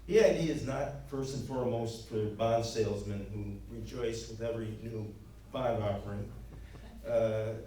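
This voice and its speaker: An earnest man delivers his closing statement at a local candidate forum, filling pauses with plenty of "uh"s. His voice is soft and dark in tone. He is picked up from far off in a very echoey hall with a light hum behind him. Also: fairly low pitch. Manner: earnest, plain-spoken, frequent fillers. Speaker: candidate giving closing remarks. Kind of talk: campaign speech at a local forum. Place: meeting hall.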